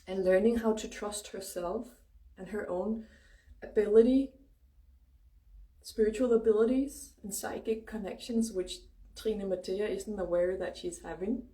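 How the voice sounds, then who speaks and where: Her voice is mid-range, mellow, and measured in pace. She's a Danish woman with an accent, hosting a relaxed spiritual talk full of emphasis and casual swearing, recorded from afar in an echoey room.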